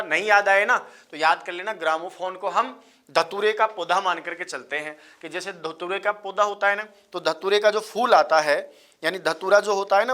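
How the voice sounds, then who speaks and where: An Indian man delivers an exam-prep lecture, drilling key points over and over and calling his listeners bhaiya and sahab, meaning brother and sir. His voice sits high with a fairly bright tone.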